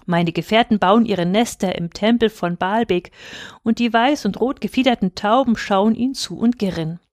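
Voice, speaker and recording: A woman voicing a loyal, softhearted male swallow in a storybook reading, speaking earnestly and affectionately. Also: medium pitch, normal speed, no echo, studio quality, lightly acted. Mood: wistful.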